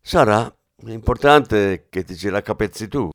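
A man reading an audiobook, voicing a brisk, teasing woman who talks in a matter-of-fact way. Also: fairly low pitch, no room sound, studio quality. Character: middle-aged woman, brisk and teasing partner. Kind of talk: audiobook character voice.

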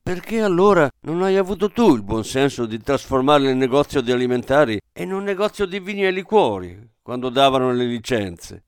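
A man voicing a sharp-tongued, practical middle-aged wife in a dramatic radio reading. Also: mid-range voice, sing-song, normal speed, hardly any pauses, clear, resonant tone, dry recording, studio quality, voice pushed up, lightly acted. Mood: sharp nagging. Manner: curt and irritated.

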